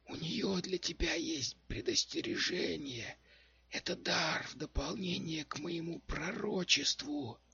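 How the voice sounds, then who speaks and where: A man reading aloud, voicing a frail old female witch who prophesies slowly and labors over each word, heard in a dull lo-fi recording. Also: on the high side, expressive, vocal fry, sharp tone, voice pushed up, full character voice. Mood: solemn.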